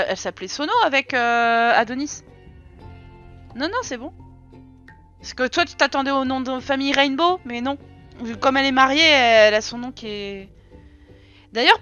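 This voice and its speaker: Streamer, young French woman, chatty and teasing, bright, slightly high voice, faint background noise. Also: highs cut off. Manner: chatty, teasing, talks to chat and game characters. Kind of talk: casual live-stream chat.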